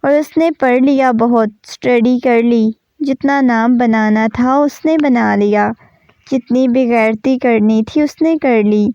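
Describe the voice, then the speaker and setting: A woman reading the lines of an angry, possessive young man in a storybook novel, in her own voice with a commanding, shouting manner. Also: fairly high pitch, smooth, dry recording, muffled recording, lightly acted.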